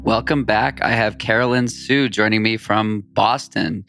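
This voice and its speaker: Gravelly low-voiced male podcast host. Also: steady tone. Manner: measured, reads ad copy evenly. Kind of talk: scripted podcast intro and ad reads. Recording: music bed underneath.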